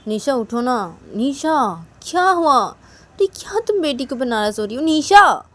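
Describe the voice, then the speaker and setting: A woman voicing a worried young woman who keeps coaxing and questioning her partner in a high, raised voice. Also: big pitch swings, unhurried, fairly bright tone, full character voice.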